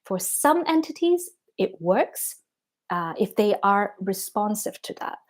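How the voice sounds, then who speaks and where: Casting: woman, thirties, mid-pitched, easygoing livestream host, loose and filler-heavy. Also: sing-song, slow pace. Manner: chatty, frequent "like" and "um" fillers, laughs between thoughts. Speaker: spiritual teacher answering viewer comments. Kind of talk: casual livestream chat.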